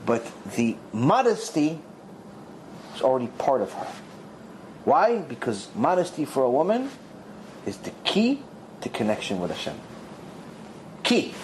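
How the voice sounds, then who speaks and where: Male rabbi, sermon storyteller, lively swooping delivery, slightly high voice, faint hiss behind. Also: rough recording. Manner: dramatic storyteller, voices the characters with big pitch swings.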